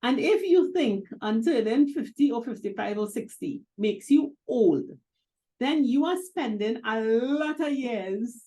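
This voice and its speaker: A middle-aged woman co-hosting a talk show, emphatic and quick to laugh. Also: on the high side, animated, mellow. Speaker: co-host. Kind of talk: casual talk-show chat.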